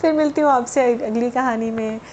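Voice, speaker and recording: A woman storyteller reads a tale to children in a lively way, turning to them directly as she goes. Her voice sits somewhat high. A faint hum of ambience stays in the background. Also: moderate pace, highs cut off.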